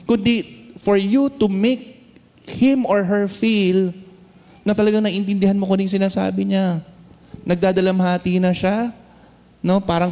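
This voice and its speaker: A man with a Filipino accent preaching a sermon, switching between English and Tagalog, reading Bible verses slowly and often checking in with "no?". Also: high-pitched, darkish tone. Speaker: pastor. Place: church hall. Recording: long hall reverb.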